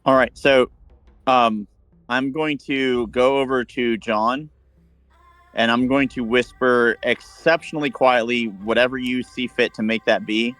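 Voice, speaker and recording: A man's voice: mid-range voice, steady tone, unhurried, fairly bright tone, no echo, soft background music. A man playing a tabletop role-playing game. He thinks aloud, stalling and rephrasing as he explains his plan. The sound is dry and close. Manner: hesitant, full of fillers and restarts. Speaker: player. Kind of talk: casual tabletop game talk.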